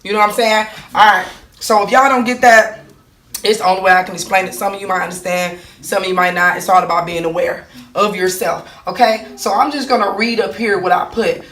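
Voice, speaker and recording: Woman, casual explainer, rhetorical questions, frequent "okay?" check-ins, mid-pitched voice, roomy echo. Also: steady tone, brisk, a bit bright, distant mic. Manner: asks herself rhetorical questions and answers them; checks in with "okay?" and "right?" after points. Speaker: vlogger explaining her monthly cycle. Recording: echoey room.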